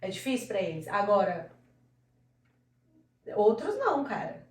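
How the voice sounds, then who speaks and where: A Brazilian woman co-hosting a casual videocast, chatty and animated, laughing easily. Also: medium pitch, measured pace, distant mic. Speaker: co-host. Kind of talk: casual chat. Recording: echoey room, slightly off-mic.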